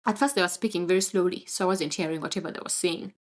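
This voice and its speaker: Animated Ugandan woman telling a comic story. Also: on the low side, fast. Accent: Ugandan English. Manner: animated, dramatic, with exclamations. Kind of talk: comedic storytelling monologue. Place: film studio.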